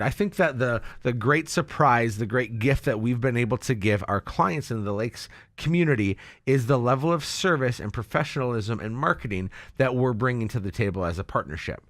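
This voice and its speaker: A man's voice: medium pitch, expressive, normal speed, fairly bright tone, no room sound. A man hosting a radio talk show, upbeat and salesy, with a slightly nasal voice, speaking from a studio. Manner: upbeat, salesy, stumbles over words. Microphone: studio mic.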